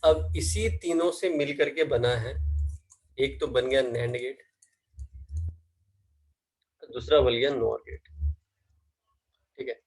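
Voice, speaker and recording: A male teacher with a husky, slightly breathy voice lectures at a middle pitch. He quizzes his students and answers his own questions, and he slows right down to dictate definitions. Faint clicking sounds come through behind him. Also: fairly even intonation, darkish tone, poor audio. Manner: asks students questions and answers them himself; mixes Hindi with English terms. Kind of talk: classroom lecture.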